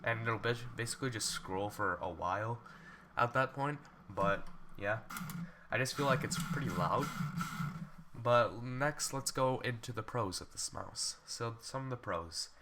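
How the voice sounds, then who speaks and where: He's a young tech reviewer with a cold, his mid-range voice unhurried, sharp in tone, and congested. Chatting casually about computer mice, he rambles with fillers and restarts, in a poorly captured recording with faint background noise.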